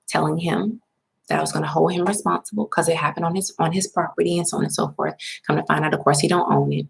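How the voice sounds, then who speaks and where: A woman vlogger telling a personal story in a casual, animated way, talking straight to her viewers. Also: low-pitched, creaky. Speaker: vlogger and spiritual life coach.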